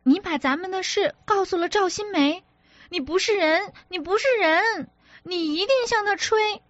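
Brief: woman reader doing a petulant young wife, sharp-tongued and hurt, slow and high, audiobook character voice. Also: lively intonation, no room sound, dull audio. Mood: indignant. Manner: reproachful, sulky, sharp-tongued.

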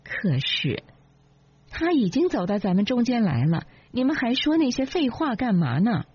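一位女性朗读者演绎一个说话尖刻、满含讥讽、醋意十足的年轻妻子，嗓音略带沙哑。. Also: female voice, fairly high pitch, big pitch swings, moderate pace, a little mellow, husky, no room sound, pitched above the performer's own voice. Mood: sarcastic. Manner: sarcastic, cutting. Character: sharp-tongued jealous young wife. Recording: dull lo-fi, dry.

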